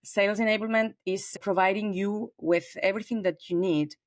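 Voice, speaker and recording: In a conversational interview over a remote call, a talkative woman in her 40s from southern Spain speaks with a Spanish accent in a steady, medium-pitched voice at moderate pace. She's warm, expansive and filler-heavy, captured in clean studio sound without room noise.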